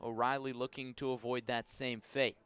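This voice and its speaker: A man calls baseball play-by-play on live radio in a clear, resonant tone, staying measured between pitches and rising into excited calls when the action hits.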